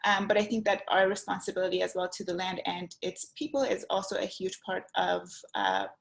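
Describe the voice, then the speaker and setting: Gravelly-voiced woman on a webinar. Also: on the low side, animated, fairly quick. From Iran. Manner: thoughtful, with frequent um and uh. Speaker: panelist. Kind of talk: webinar presentation. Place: home in Toronto, video call.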